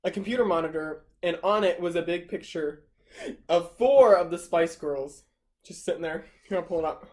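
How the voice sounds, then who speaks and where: A woman's voice: on the low side, normal speed, darkish tone. A woman from St. Louis chatting casually while eating, telling a story as co-host of a mukbang video. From St. Louis, Missouri, US.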